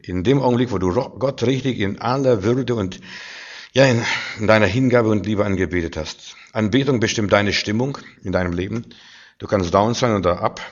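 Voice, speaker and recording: A man preaching a sermon with passion, swinging from hushed lines to loud outbursts. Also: fairly low pitch, normal speed, dull audio.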